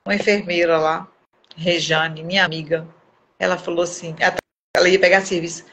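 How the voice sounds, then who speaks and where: A middle-aged woman, giving an earnest, emotional personal testimony as a guest on a live stream, with halting repeats. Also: on the low side, level tone, a bit bright, a little hiss or hum, poor audio. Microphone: phone or webcam on a live video.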